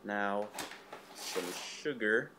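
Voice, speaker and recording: A man's voice: fairly low pitch, extremely slow, noisy background. A young man casually talking viewers through a recipe in his home kitchen. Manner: relaxed, talks viewers through steps. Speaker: cooking vlog host.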